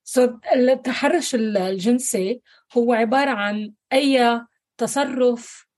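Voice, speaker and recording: A woman psychologist with a Levantine Arabic accent answering interview questions thoughtfully, pausing on fillers and slipping in English words. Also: on the high side, a little mellow. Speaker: psychologist guest.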